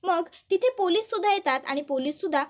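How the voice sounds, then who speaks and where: A woman narrating a dramatic recap of a serial episode in a quick storytelling manner. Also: very high-pitched, animated.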